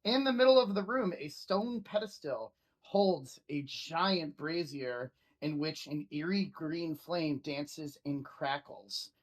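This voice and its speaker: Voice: medium pitch, slow, hardly any pauses, poor audio. A game master casually narrating a tabletop fantasy game and guiding the players.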